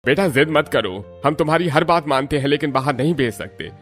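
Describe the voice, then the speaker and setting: A man's voice: a little high, a little fast, a bit bright, faint music behind, natural voice. A man voicing a strict, domineering older father in a cartoon, stern and commanding. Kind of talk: cartoon voice acting.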